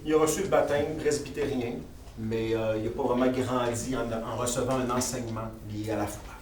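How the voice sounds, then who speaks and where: A man's voice: medium pitch, steady tone, moderate pace, darkish tone. Québécois man interpreting live, echoey and distant. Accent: Québécois French. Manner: informal, with stops and self-corrections. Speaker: chaplain interpreting for a speaker. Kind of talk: live consecutive interpreting in informal French. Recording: distant mic in echoey room, faint noise.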